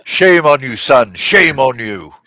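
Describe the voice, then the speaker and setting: A man's voice: medium pitch, lively intonation, takes it slowly, pushed and bright, no echo, clean studio sound, voice pushed up. A man voicing a polite, fussy gnome traveler, courteous and easily scandalized. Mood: scolding. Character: chatty, polite gnome traveler on a supply cart.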